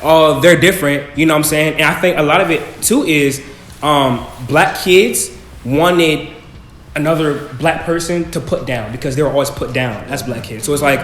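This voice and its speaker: Speaking at a moderate pace, a young man on a student panel sounds a little high and a bit bright. He's earnest yet casual and keeps asking "you know what I'm saying." The recording has an echoey room and faint background noise.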